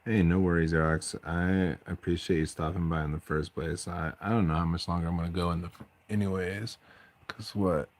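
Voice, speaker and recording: A man with a deep bass voice, chatting casually on a late-night stream at home while he paints miniatures, rambling and restarting his sentences. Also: fairly even intonation, brisk. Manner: rambling, self-interrupting, chatty. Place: at home at night, family asleep.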